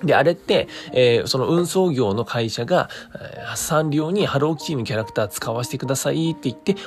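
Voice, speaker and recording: A man hosting a casual solo talk stream, mixing polite presenter phrasing with chatty asides and thinking aloud in a hesitant, meandering way. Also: medium pitch. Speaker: creator hosting his own daily talk stream. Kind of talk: casual solo monologue to listeners.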